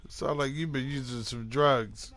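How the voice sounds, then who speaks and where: A man's voice: lowish voice, steady tone, measured pace, fairly bright tone, slight background noise. A young man streaming a football video game, teasing and mocking his opponent in slangy casual trash talk.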